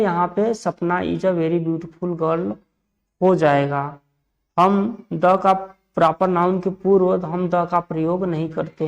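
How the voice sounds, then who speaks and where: A man from India teaching an English grammar lesson for exams. He asks questions and answers them himself, repeats set phrases, and reads the example sentences slowly. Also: fairly high pitch, gravelly. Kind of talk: exam-prep grammar lesson.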